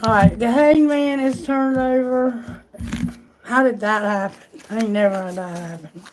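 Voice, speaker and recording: Woman, high voice, live tarot reader, talky and excitable, voice fading; slight background hiss. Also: measured pace, rough recording. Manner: chatty, exclamatory, thinking aloud. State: losing her voice.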